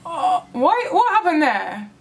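High, lively, excitable woman vlogger. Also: takes it slowly, creaky. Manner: excitable, gushing, squeals and gasps. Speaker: gaming vlogger. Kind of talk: live trailer reaction.

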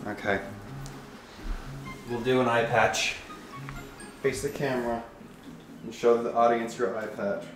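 A man with a nasal voice, chatting and joking casually while playing a party game, quick to swear and get excited. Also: medium pitch. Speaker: gameplay video host. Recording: roomy with game music behind.

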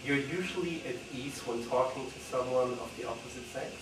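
A man asking questionnaire items as questions in a measured way. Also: medium pitch, distant mic. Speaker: study participant interviewer. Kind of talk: reading a questionnaire. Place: VR cave room. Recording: echoey room, heard from afar, noisy.

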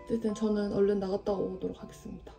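A young woman from Busan, Korea, chatting cheerfully as a vlogger and mother of a baby, with quick laughs. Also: mid-range voice, flat delivery, gravelly, distant mic. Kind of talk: casual vlog chat. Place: home indoors, later a cafe. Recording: music playing under the voice.

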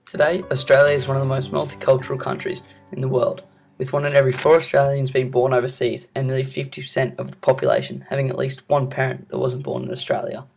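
A young man reads a school project script in a gravelly, creaky voice at a middle pitch. His delivery is earnest and steady, plainly reading from a script. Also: quick pace, soft background music. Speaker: student narrator.

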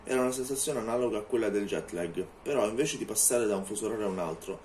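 A man reading an audiobook in steady, measured narration. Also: on the low side, slight background noise.

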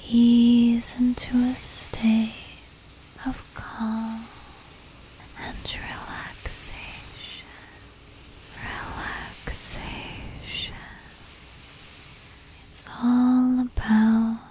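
Female ASMR whispered role-play as spa therapist: soft, soothing whisper, even and unhurried, faint hiss behind. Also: on the high side, low-quality recording. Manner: soft, soothing, breathy whispering with long pauses. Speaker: ASMR host playing a spa massage therapist.

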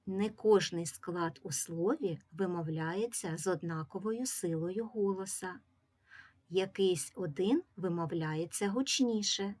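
Sounding out words one syllable at a time, a woman teaches reading to small children in a primary school class. Her pace is slow and patient, and her voice is low-leaning with a darkish color.

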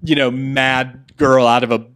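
A man in his thirties chats on a podcast with his wife, spinning a family story and slipping into the voices of the people in it. His voice sits at an ordinary pitch. The recording is dry and close. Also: unhurried, no room sound. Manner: animated storyteller, acts out quotes. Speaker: podcast co-host. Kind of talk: casual chat.

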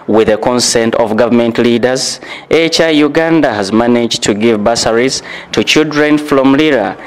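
A man reading scripted narration for a charity video in a measured, formal way. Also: mid-range voice, poor audio.

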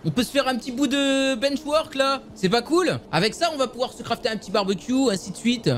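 A young man casually commenting on a survival game for his viewers, excitable and swearing often. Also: very high-pitched, brisk, slight background noise. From France. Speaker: gaming youtuber.

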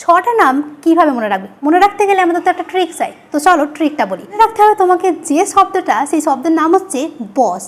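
A woman teaching an exam-prep grammar lesson, asking her students questions and answering them herself, repeating each key word slowly. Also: very high voice, big pitch swings. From West Bengal.

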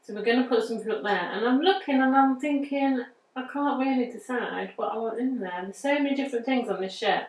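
A woman in her thirties from England, with a northern English accent and a fairly high voice, talks a little fast as a nail artist walking through a design step by step. Her chatty, easygoing tutorial has her thinking aloud in a bright indoor studio, picked up by a distant mic with roomy sound.

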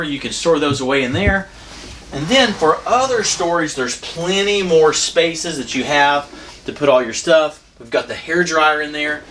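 This is a man in his forties hosting a walking room-tour vlog, his voice sitting a little high. He sounds upbeat and chatty as he guides the viewer through a small ship cabin. The camera mic picks up a faint hum of room noise behind him. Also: a bit bright. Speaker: cruise vlog host.

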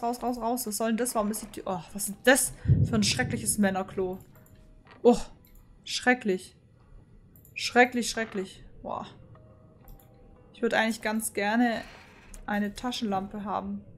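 A woman streamer gives live commentary on a horror game in a slightly high voice, speaking a bit slowly and pausing often. Jittery, she talks to her chat and lets out frightened outbursts, with faint game music in the background.

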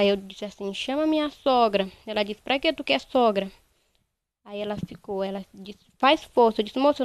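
A young woman, giving a halting, repetitive first-person account in a news interview. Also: fairly high pitch, a little mellow, no echo. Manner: halting, repetitive retelling, quoting others. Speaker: interviewee, bereaved mother.

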